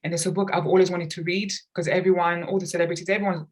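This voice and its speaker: Speaking at a racing pace, this London-raised woman has a lowish, steady voice. She's a children's author and artist guesting on a conversational podcast interview, talking earnestly, reflectively and at length about her own experiences.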